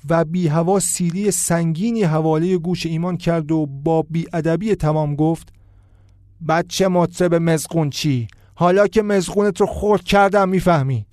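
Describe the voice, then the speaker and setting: Man playing a loud, barking street thug. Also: a little high, fairly even intonation, no echo, clean studio sound, lightly acted. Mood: taunting. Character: rude young male street thug, bullying.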